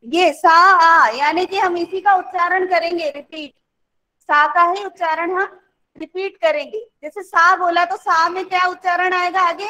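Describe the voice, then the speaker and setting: A woman music teacher who sings sargam note names slowly and patiently explains each step of a raga song to her class. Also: very high voice, pushed and bright, poor audio.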